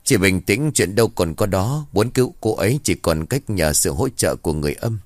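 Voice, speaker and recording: A man voicing a solemn, measured old village shaman in a spoken story. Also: low voice, animated, dry recording. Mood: grave.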